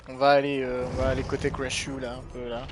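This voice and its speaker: A man streaming a video game, commenting live as he plays, talking to himself in an animated way and tagging his lines with "hein". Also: mid-range voice, quick pace. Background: game music.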